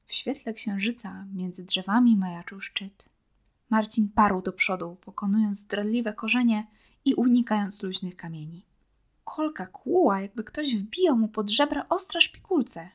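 A woman narrating a storybook in a soft, hushed way, often near a whisper. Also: medium pitch.

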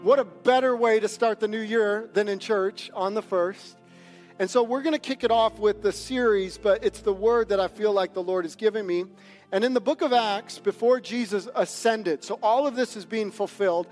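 A man pastor preaching a sermon to his congregation, swelling loud for emphasis and then dropping soft. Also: high-pitched, moderate pace, soft background music. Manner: impassioned preaching, rising and quieting for emphasis. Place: church sanctuary.

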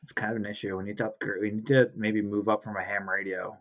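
A man's voice: on the low side, little pitch movement, quick pace, fairly bright tone, muffled recording. A man hosting a podcast from home with a sore throat, chatting casually, rambling and correcting himself as he jokes. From Canada. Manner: rambling, self-correcting, joking. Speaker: podcast host. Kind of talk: casual chat. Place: home, recording remotely. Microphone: home mic, video call.

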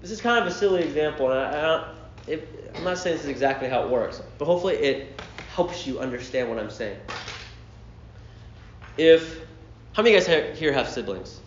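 A man preaching a sermon to a youth group, acting out a story with lively voices and slaps. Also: fairly high pitch, a little fast, long pauses, slight background noise. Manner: animated storyteller, acting out scenes. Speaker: pastor. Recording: roomy, dull lo-fi hall.

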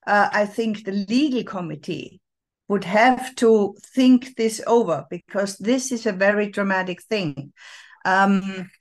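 Woman on a debate panel, slow and halting, keeps searching for words. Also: mid-range voice. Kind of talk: live policy debate remarks.

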